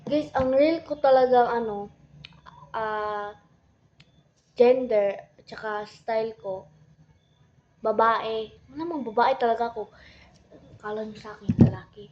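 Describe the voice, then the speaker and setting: A woman's voice: fairly high pitch, a little slow, long pauses, highs cut off, a little hiss or hum. A woman chatting casually to camera, rambling and giggling, mixing in English phrases. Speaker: vlogger.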